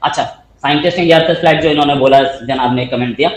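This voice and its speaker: Man, higher voice, casual political chat, reads comments aloud, echoey room. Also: fast. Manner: conversational, reads viewer comments aloud, laughs often. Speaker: co-host of a political talk show.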